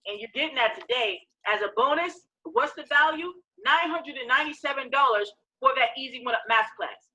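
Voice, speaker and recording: Lady doing a live online sales pitch, kinda high bright punchy voice, really emphatic, keeps checking in. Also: fairly quick, few pauses, poor audio. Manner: emphatic, repetitive, check-in questions to listeners. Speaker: online sales trainer and presenter.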